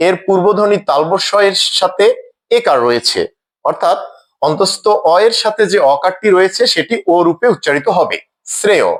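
In a grammar lesson delivered at a measured, deliberate speed, a male teacher with a rather high-pitched voice says every example word two times. It sounds scripted.

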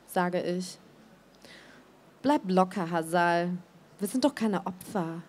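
Woman author, reading her novel aloud, calm and measured, mid-pitched voice. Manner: calm, measured, even delivery. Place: book fair stage studio.

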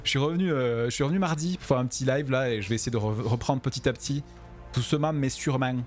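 A man's voice: mid-range voice, fast talker, darkish tone, faint music behind. A tired man streaming a game from home, chatting with his viewers and tripping over his words. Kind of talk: casual gameplay commentary.

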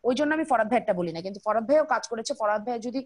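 A woman's voice: a little high, animated, very fast, dry recording. A young woman teaching an online class over a video call, chatty and colloquial, speaking directly to her students. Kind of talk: casual online class lecture.

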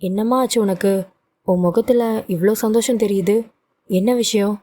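A woman voicing a calm middle-aged husband asking his wife what is wrong. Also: mid-range voice, normal speed, natural voice. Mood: concerned.

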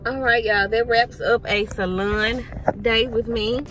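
A woman's voice: on the high side, measured pace, poor audio. A young adult woman with a Southern American accent chats casually and animatedly to her viewers, recorded on a phone inside a car. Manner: chatty, animated, addresses viewers directly. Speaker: vlogger. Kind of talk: casual vlog chat. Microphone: phone at arm's length. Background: music.

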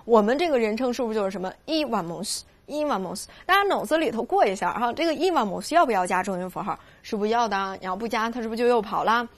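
A woman teaching a Spanish grammar lesson, coaxing her students with constant questions and slowly drilling the verb forms. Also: on the high side. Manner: lively, coaxing, full of rhetorical questions.

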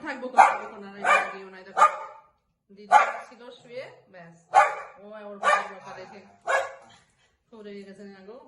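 A woman's voice: a little high, very animated, moderate pace, pauses often, echoey room, over a noisy crowd. A woman at home coaxing and scolding her pet dogs in a sing-song baby-talk voice, repeating words over and over. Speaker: pet owner.

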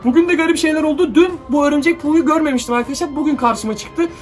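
Very high-voiced and fast, a young man nervously tells his viewers about something strange he's seeing in an excited horror-drone vlog. The frightened, jittery YouTuber mutters drone commands from a distant, off-mic spot, light music in the background.

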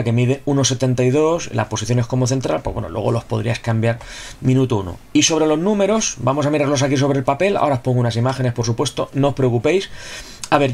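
A man's voice: medium pitch, vocal fry, a little mellow. A man giving a casual, chatty video review of a football game card, often repeating himself and asking rhetorical questions. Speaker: gaming YouTuber reviewing a player card.

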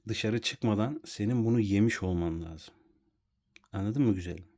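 A young man filming a casual home vlog, scolding and coaxing his pet snake with slangy teasing, sometimes dropping to a soft whisper. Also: lowish voice, moderate pace. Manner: drops to a soft whisper at times. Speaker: vlogger feeding a pet snake. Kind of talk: casual hand-held vlog. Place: at home, indoors.

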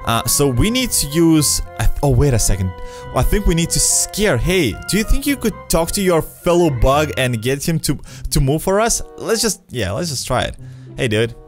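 A man's voice: fairly high pitch, sing-song, moderate pace. A man in his twenties doing casual let's play commentary on a video game, speaking close to a desk microphone in a small room. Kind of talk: casual gameplay commentary, reading game dialogue aloud. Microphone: close desk microphone with headset. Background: game music.

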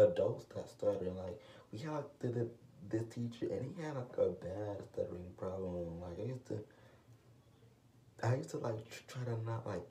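A teenage boy rambles casually to a low-set camera below his face in a small room at home, stuttering into restarts and plenty of fillers. His lowish, dark male voice is far from the mic, off-mic and echoey, with a little hiss or hum.

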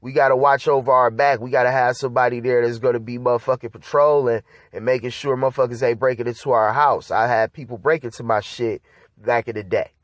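Man, heated profane podcast rant, mid-pitched voice, dry close recording. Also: steady tone, quick pace, dry recording. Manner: heated, profane, street slang. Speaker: podcast host. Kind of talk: casual political commentary monologue.

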